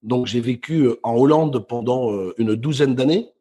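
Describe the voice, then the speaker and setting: A man's voice: medium pitch, moderate pace. A middle-aged man from Belgium, a professional speaker, recounting his career in a podcast interview with frequent hesitations. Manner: animated storyteller with frequent hesitations. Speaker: guest speaker. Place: remote call from home.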